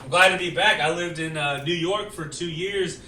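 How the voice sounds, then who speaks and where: A young man from Houston performing a stand-up comedy set, rambling loosely and acting out dialogue with big jumps in loudness. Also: on the high side, normal speed, very noisy. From Houston, Texas. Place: comedy club stage with live audience. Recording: roomy club sound, mic heard from a distance, crowd laughter.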